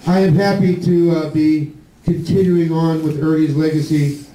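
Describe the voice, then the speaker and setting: A man's voice: a little high, flat delivery, normal speed. A man who hosts a horror show, giving a live induction speech at an awards event. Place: large room at a live event. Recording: echoey hall, distant mic, noisy.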